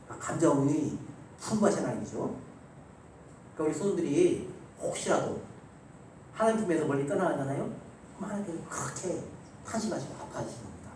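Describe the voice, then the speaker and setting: A male pastor preaching a Sunday sermon, telling stories with emphasis and swinging between loud and soft delivery. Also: on the high side, sing-song, fast, long pauses, a little hiss or hum. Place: church sanctuary. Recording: very echoey church hall, voice from far off, faint ambience.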